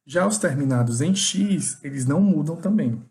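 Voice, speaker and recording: A teacher, giving a grammar lesson and explaining slowly, repeating each example. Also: mid-range voice, lively intonation, darkish tone.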